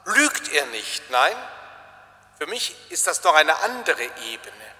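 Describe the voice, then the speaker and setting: Slow, bright-voiced male preacher. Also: a little high, sing-song. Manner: slow, deliberate and emphatic. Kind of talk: reflective sermon. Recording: long hall reverb.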